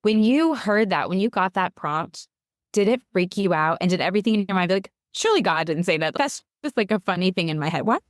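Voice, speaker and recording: A woman hosting a casual faith podcast, enthusiastic and chatty and quick to laugh. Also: mid-range voice, lively intonation, no echo, studio quality. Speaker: podcast host.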